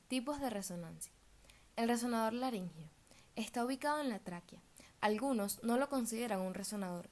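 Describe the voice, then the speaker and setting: A young woman, a music student, giving a steady, carefully read research presentation. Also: medium pitch. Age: young adult.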